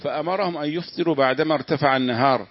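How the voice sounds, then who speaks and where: A man reading a classical religious text aloud to his teacher, steady, with small slips he corrects. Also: on the high side, rapid-fire, no room sound. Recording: dull, dry lo-fi room recording.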